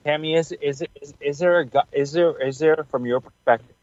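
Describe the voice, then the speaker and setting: A man's voice: fairly high pitch, a little mellow, no echo. A man asking a question as an interviewer, his voice choppy and breaking up over a faltering video call connection. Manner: halting, repeats words as the line cuts out. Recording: dull lo-fi online call audio, dry.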